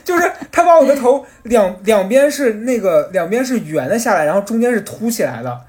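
A man telling a rambling, animated story in casual podcast chat. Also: sits high, fairly quick, slight background noise.

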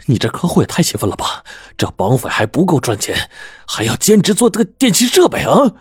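A man voicing a frantic young male translator who shouts in high bursts while telling a story. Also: huge pitch swings, fairly quick, breathy edge, no room sound, clean studio sound, heavily acted.

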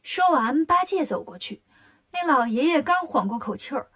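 A woman narrating a children's storybook tale in a lively, clear storytelling manner. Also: high-pitched, moderate pace.

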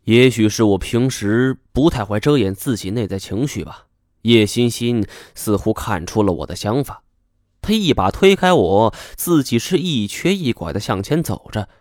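A man reads a first-person novel aloud as audiobook narration, telling it with a lively, rising-and-falling voice and plenty of filler words. The recording is close and dry, with no room sound. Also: fairly low pitch, normal speed, no room sound.

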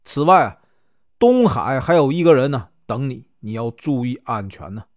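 A man playing a calm, commanding old Taoist master. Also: mid-range voice, no room sound, studio quality, lightly acted. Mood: instructing. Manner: measured, instructing.

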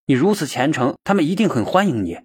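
A man's voice: on the high side, big pitch swings, fast talker, darkish tone, husky, exaggerated voice. A man voicing an anxious, guilt-ridden young male monk who speaks in a raised, pleading way. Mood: urgent.

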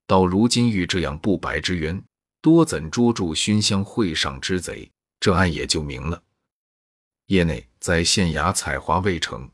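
A man's voice: sits low, husky, no echo, clean studio sound. A man voicing a chatty, gossipy male tavern waiter in a storybook reading. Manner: gossipy, talkative.

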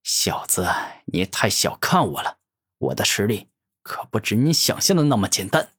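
Man doing a deep growling monster villain. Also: sing-song, normal speed, a bit bright, husky, heavily acted. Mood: boastful. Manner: growling angry threats. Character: arrogant furious male monster warlord.

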